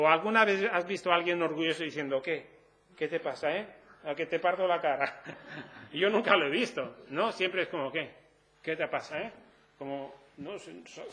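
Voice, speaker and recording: A man's voice: on the high side, fairly bright tone, husky. A man preaching a sermon in an earnest, conversational way, asking the congregation rhetorical questions.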